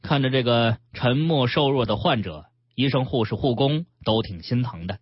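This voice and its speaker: A man, hosting a radio health show and reading a story aloud with calm, expressive storytelling. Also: medium pitch, moderate pace, breathy edge, no room sound. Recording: dull radio broadcast.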